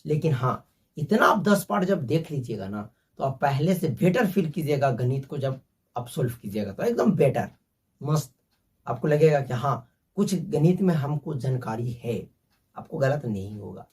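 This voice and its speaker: A man's voice: medium pitch, lively intonation, moderate pace, darkish tone, distant mic. A man teaching a basic math lesson, working through sums step by step and calling his viewers "my friend".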